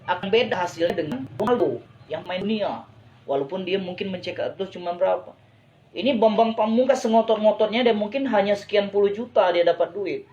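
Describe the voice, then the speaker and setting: A man's voice: high voice, fairly quick, darkish tone, highs cut off, slight background noise. A man giving a persuasive business talk to a live online audience, often asking listeners whether they agree and repeating phrases for emphasis. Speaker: business motivational speaker.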